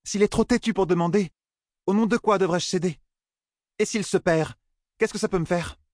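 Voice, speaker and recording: A man's voice: high voice, normal speed, darkish tone, dry recording, studio quality, voice pushed up, close to an everyday voice. A man voicing a headstrong scheming young woman. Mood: insistent. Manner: stubborn, cutting, defiant.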